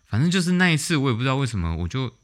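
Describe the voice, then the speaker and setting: A man hosting a vlog, telling stories in a casual monologue in a blunt, animated way with mild swearing. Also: medium pitch, rapid-fire. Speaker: vlog host.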